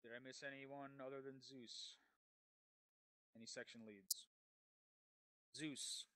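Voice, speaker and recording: A man's voice: medium pitch, steady tone, slow pace, pushed and bright, no echo. A man leading a military-roleplay debrief as unit commander, speaking bluntly and swearing heavily over game voice chat.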